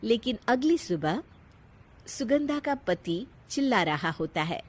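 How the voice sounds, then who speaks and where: Give this to a woman storyteller with a high voice. She narrates a scripted tale expressively and speaks teasingly straight to the listener. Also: big pitch swings, slow pace, breathy edge.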